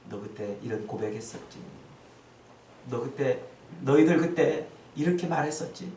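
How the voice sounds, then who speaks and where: A man's voice: expressive, normal speed, distant mic, a little hiss or hum. Dramatic male pastor in an echoey hall. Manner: dramatic, acts out quoted lines with sudden loud high outbursts. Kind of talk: sermon. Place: church sanctuary.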